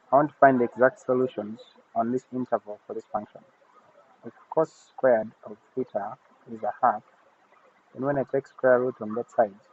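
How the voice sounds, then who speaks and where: Male math teacher, steady step-by-step explainer, mid pitch, phone-like lo-fi audio with faint hiss. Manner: steady step-by-step explaining, talking through working aloud. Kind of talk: recorded math lesson.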